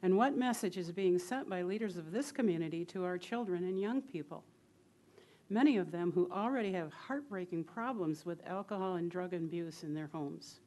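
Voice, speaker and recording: A woman with a fairly low voice reads a prepared public comment at a city council meeting. She speaks earnestly and keeps to her written statement. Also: moderate pace, mellow.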